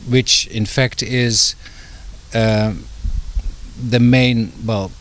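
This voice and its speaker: A man's voice: mid-range voice, fairly even intonation, very slow, slight background noise. A middle-aged man from the Netherlands, speaking as an interview guest in a hesitant way, with many fillers and restarts. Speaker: guest, author and doctor.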